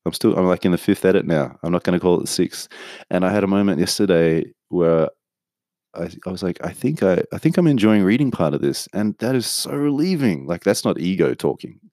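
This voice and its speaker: Male podcast host, very low voice, dry close sound, candid rambling monologue. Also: expressive, fairly quick, warm tone, no echo. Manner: rambling, candid, self-interrupting with restarts. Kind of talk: casual solo podcast monologue.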